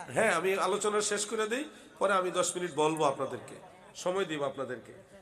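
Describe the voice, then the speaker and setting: A hoarse man from Bangladesh, a preacher delivering a heated waz sermon at a religious gathering, often raising his voice. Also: sits high. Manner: loud, heated, swings into shouting. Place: outdoor religious gathering stage.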